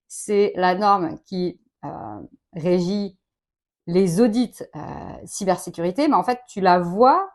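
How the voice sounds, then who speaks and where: Woman in her late thirties, company director, quick-fire interview, chatty, informal, laughs a lot. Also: medium pitch, darkish tone.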